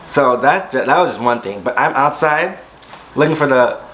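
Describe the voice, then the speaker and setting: A young man spins a storytime tale for his vlog, throwing himself into every quoted line and leaping into sudden high squeals. His voice sits at an ordinary middle pitch. A faint hiss lies under the recording. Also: animated, moderate pace, fairly bright tone, low-quality recording. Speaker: vlogger.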